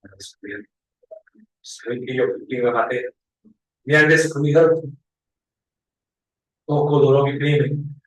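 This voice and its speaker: Man playing a frightened young murderer, hushed, anxious, guilt-ridden, roomy echo. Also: mid-range voice, fairly even intonation, measured pace, pauses often, lightly acted. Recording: echoey room.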